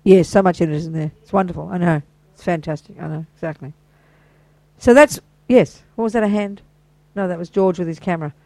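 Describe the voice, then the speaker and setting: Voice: medium pitch, brisk, no room sound, poor audio. Chatty, enthusiastic older Buddhist teacher. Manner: chatty and enthusiastic, full of warm praise and asides. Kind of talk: informal dharma teaching to a small group.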